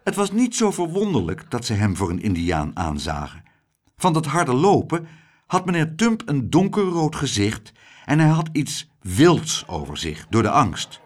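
A man reading a children's story aloud in a lively, expressive way. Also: mid-range voice, measured pace. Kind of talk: storybook narration.

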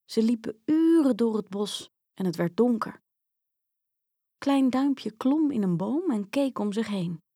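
A woman narrating a children's fairy tale in a slow, expressive storytelling manner, recorded dry and close. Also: on the high side, no room sound.

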